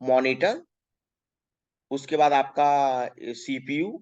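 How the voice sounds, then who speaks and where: This children's workbook lesson has a male teacher slowly reading English questions and explaining them in Hindi to young pupils. He spells out words letter by letter, often checks with "ठीक है", and speaks in a darkish, mid-range voice on dull-sounding audio.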